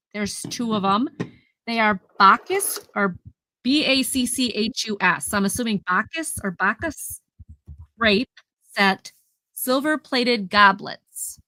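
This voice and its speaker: Woman, live sale host, chatty, slightly high voice, unhurried pace. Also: bright, forceful tone, dry recording. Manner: chatty, describes items in detail and counts down sales. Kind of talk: casual live-stream selling.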